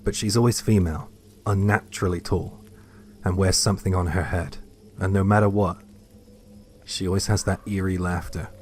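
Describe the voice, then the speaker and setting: Deep-voiced man narrating horror. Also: steady tone, moderate pace, pauses often, darkish tone, a little hiss or hum. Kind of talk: scripted first-person narration.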